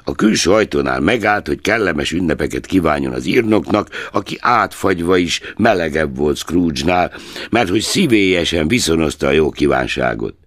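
A male storyteller reads a classic tale with expressive theatrical flair. His very low voice still moves widely in pitch. The recording is dry with no room sound. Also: no room sound. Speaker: narrator. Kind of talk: scripted story narration.

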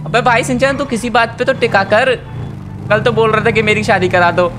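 A man's voice: high voice, fairly even intonation, moderate pace, over music, natural voice. A man voicing a teasing, bossy young man in comic gameplay, talking in an exasperated big-brother way.

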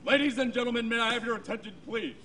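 A soldier making a loud, formal announcement at an outdoor ceremony, heard through loudspeakers. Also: male voice, extremely high pitch, quick pace, background noise.

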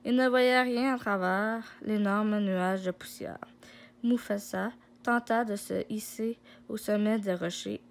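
A woman reading a children's story aloud, slow, with frequent slips and restarts. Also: medium pitch, gravelly.

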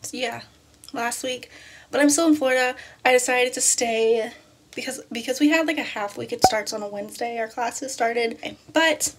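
Holding her phone camera at arm's length, an early-20s vlogger talks in a casual, upbeat way from her home bedroom, apartment and parked car, dropping in lots of fillers. She speaks at a moderate pace in a slightly high voice, with a little hiss or hum in the audio.

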